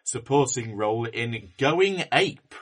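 A man's voice: mid-range voice, lively intonation, takes it slowly, breathy edge. A man co-hosting a casual film podcast, rambling with fillers and restarts. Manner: rambling, many ums and restarts. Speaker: podcast co-host.

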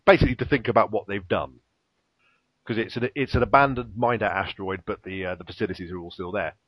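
A man's voice: lowish voice, no room sound. Man casually recapping a story, dull lo-fi audio. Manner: rambling storytelling with fillers and frequent chuckles. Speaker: podcast co-host recapping an episode. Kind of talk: casual chat, episode recap.

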